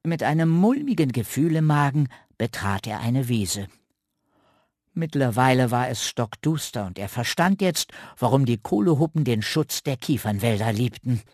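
A man reading a children's radio story aloud with slow, expressive storytelling. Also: mid-range voice, no echo, clean studio sound.

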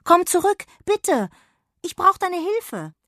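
A woman voicing a curious, eager young girl in a children's audiobook, her voice raised high as she calls out. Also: sing-song, slow, no echo, clean studio sound, full character voice. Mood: pleading. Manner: high bright calling voice.

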